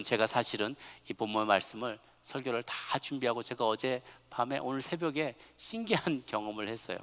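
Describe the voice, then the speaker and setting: A male pastor giving a sermon, moving between relaxed personal storytelling and fervent, emphatic preaching to his congregation. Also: on the low side. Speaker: senior pastor. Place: large church sanctuary. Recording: long hall reverb.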